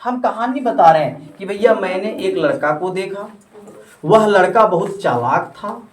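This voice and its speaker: A man teaches grammar in a coaching classroom, pausing mid-sentence so the class can call out the missing word. He is picked up from a distance, so his voice sounds roomy and echoey. A crowd of students can be heard clearly behind him. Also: high voice, expressive. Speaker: English grammar tutor. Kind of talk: classroom lesson. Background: students chattering and answering.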